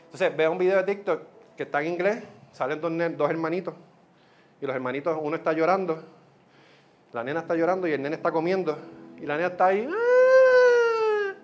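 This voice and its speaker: A male pastor delivers a sermon in a somewhat high voice. He preaches in an animated, chatty way, slipping English words into his talk, with soft music playing underneath. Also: fast talker, lo-fi sound.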